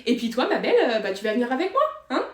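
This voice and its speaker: A woman playing a blunt, sarcastic female investigator who fires off loud, rapid questions. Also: on the high side, sing-song. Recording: echoey room.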